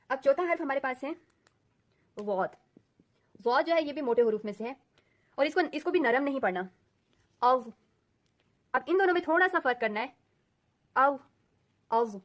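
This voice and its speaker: Woman teaching slowly in drilled repetitions. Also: sits high, fairly bright tone. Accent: Urdu. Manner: slow, deliberate, repeats sounds as drills. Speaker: Quran recitation teacher. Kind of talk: step-by-step recorded lesson.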